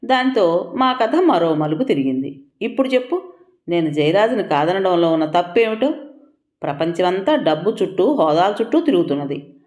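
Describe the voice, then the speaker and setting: A sharp-tongued young woman chasing status, mocking and unapologetic, as a female storyteller puts her on. Her lines swing up and down, set in a roomy, echoing space for an audio storybook. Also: lowish voice, big pitch swings, moderate pace. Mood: scornful. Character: young woman, ambitious, status-hungry, bluntly sarcastic.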